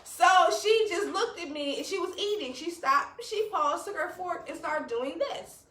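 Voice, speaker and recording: A woman's voice: extremely high pitch, lively intonation, moderate pace, fairly bright tone. A woman podcast host telling a story in casual chat, laughing often as she talks. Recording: roomy, distant mic with faint noise.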